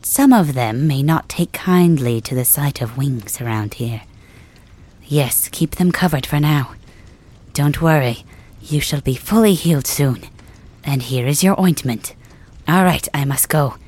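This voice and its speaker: A woman acting out an old village healer who speaks in a hushed, soothing murmur at a patient's bedside. The voice sits very low and unhurried, with a husky, breathy grain. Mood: gentle. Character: old male village healer, gentle and caring. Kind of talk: ASMR roleplay audio drama.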